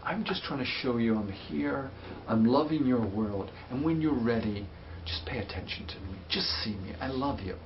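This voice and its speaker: A man's voice: mid-range voice, normal speed, highs cut off, a little hiss or hum. Patient man teaching parents. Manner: gentle, patient, explains with hands-on demonstrations. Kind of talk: webinar teaching and answering parent questions.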